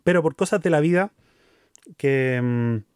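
A Chilean man in his thirties co-hosting a casual conversation, speaking thoughtfully with pauses and fillers. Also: on the high side, animated, darkish tone, clear, resonant tone, no room sound, studio quality. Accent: Chilean Spanish. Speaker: co-host.

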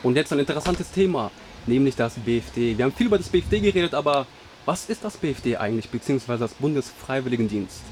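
A man's voice: mid-range voice, animated, quick pace, darkish tone, slight background noise. Young German man hosting a radio show. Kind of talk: scripted radio presenting.

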